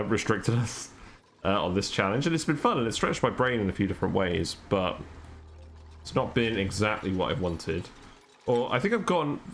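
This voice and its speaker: A man's voice: lowish voice, fairly bright tone. A man streaming a game and chatting casually, rambling and thinking aloud with fillers and little laughs. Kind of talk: casual gameplay commentary. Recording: faint background music.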